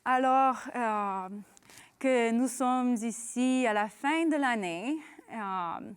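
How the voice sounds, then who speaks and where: A woman from Canada hosting a Christmas talk show, speaking slowly with many hesitant fillers. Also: a little high, clean tone. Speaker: host.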